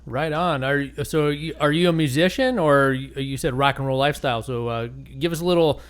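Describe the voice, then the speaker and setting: A middle-aged man with a slightly higher voice hosts a relaxed podcast chat. He asks questions in an easygoing, chatty way and keeps the guest going with quick "right on"s. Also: smooth. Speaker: podcast host. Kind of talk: casual interview.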